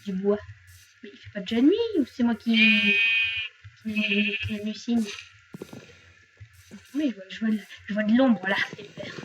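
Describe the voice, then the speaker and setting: A woman's voice: mid-range voice, a little slow, long pauses, dull audio, very noisy. A young woman chatting playfully to her viewers while she plays, talking to objects and joking about crying. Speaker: gaming youtuber. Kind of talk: casual let's play commentary.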